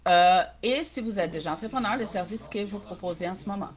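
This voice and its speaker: A woman's voice: mid-range voice, brisk. A woman with a mixed Québécois and Brazilian accent, coaching small-business owners in a casual live-stream workshop and often checking in with viewers. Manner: direct, addresses viewers, checks in with "ok?".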